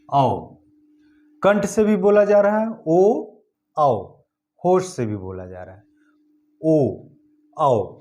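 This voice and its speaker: Male teacher going slow, sounding out letters one by one, high voice, up and down a lot. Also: darkish tone. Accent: Hindi-speaking north Indian. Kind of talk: exam-prep phonetics lesson.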